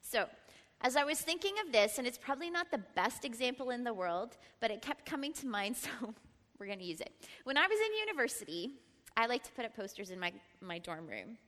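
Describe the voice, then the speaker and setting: A middle-aged woman leading a church Bible study, lively and often laughing as she prompts the group. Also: a little high, brisk. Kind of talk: Bible teaching talk. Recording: long reverb in a large room.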